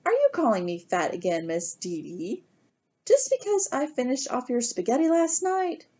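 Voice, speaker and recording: A woman's voice: on the high side, very animated, normal speed, darkish tone, slightly rough, pitched above the performer's own voice. A woman reading the part of a cheerful mother who teases and jokes in a playful way. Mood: teasing. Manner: playful, joking.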